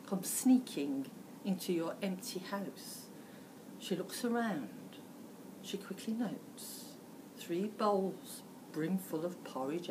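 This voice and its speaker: Here a British woman gives a dramatic reading of a rhyming storybook, emphatic and theatrical like a teacher, pacing her phrases deliberately. Her pitch is medium, and the poor audio carries some background noise.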